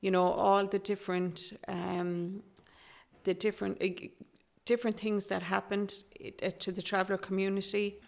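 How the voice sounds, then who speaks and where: A middle-aged Traveller activist from Galway, Ireland, speaks as a guest in a candid interview. Her medium-pitched, gravelly voice keeps a level tone at normal speed. She is soft-spoken and hesitant, with many fillers and restarts.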